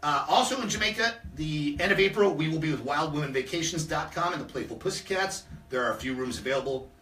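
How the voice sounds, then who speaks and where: A man's voice: fairly high pitch, fast, pushed and bright, reverberant, far from the mic. A man co-hosting a live radio show in a studio, upbeat and plugging upcoming events. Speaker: radio co-host.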